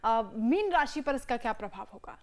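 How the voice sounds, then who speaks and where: A woman's voice: fairly high pitch, lively intonation, normal speed. Woman interview host, polite and affirming. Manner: affirming, frequent agreeing murmurs, polite formal closing. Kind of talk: hosting an interview.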